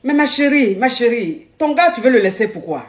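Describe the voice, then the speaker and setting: A woman's voice: fairly high pitch, big pitch swings, normal speed. A woman hosting a live call-in advice stream, playful and repeating her phrases.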